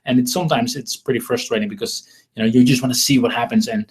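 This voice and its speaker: Speaking fast with medium pitch and fairly even intonation, this man hosts an informal live sales webinar for marketing software. He's from the Netherlands, has a Dutch accent, and tends to ramble, repeat himself and make self-deprecating remarks.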